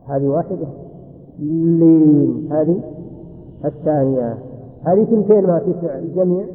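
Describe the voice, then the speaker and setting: Man, lecture teacher, fairly high voice, tinny tape sound, long hall echo. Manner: explanatory, recites verses in between, drops into colloquial asides. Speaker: religious teacher. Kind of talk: classroom lecture explaining a text.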